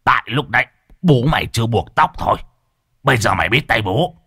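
A man's voice: medium pitch, lively intonation, fairly quick, bright, forceful tone, husky, no echo, clean studio sound, full character voice. A man voicing a scrappy old male exorcist who boasts and swaggers at his foe. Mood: boastful.

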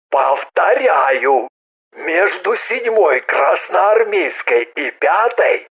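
A man voicing a menacing anonymous phone caller with a lifeless, gravelly voice, heard through a muffled phone line. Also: high voice, full character voice. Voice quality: lifeless, flat. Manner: slow, threatening, gravelly.

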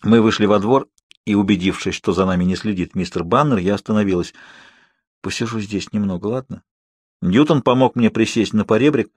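A man narrating an audiobook in a measured, even reading. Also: lowish voice, slightly rough, dry recording.

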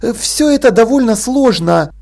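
An awkward, kindly young prince at school who talks hesitantly, with a touch of gruffness, as a man puts him on. The voice is raised above the reader's own. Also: very high-pitched, expressive, measured pace, darkish tone, voice pushed up, full character voice.

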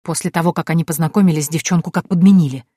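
A woman's voice: low voice, racing, mellow, breathy edge, dry recording, clean studio sound. A woman voicing a cheerful, loyal young male servant who talks eagerly.

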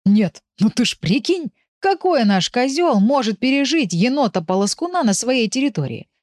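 A woman's voice: on the high side, big pitch swings, normal speed, a little mellow, dry recording, studio quality, voice pushed up. Woman voicing a jovial village man. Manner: jovial, folksy. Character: good-natured village man, curious neighbour. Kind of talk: audiobook character voice.

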